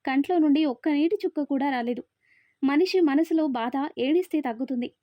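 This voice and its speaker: A woman storyteller narrating a serialized story in a steady, plain manner. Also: high-pitched, brisk, no echo. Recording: dry, slightly dull recording.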